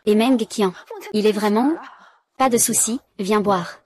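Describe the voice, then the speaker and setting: A woman reading all the parts of a dubbed drama recap in one flat, even voice. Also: mid-range voice, measured pace, a little hiss or hum.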